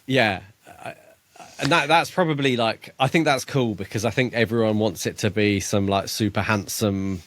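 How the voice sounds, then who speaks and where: This man co-hosts a podcast and discusses a book informally, his lowish voice fairly bright and moderately paced with no room sound. He sounds unsure, saying "um" and "yeah" a lot, and is quick to laugh.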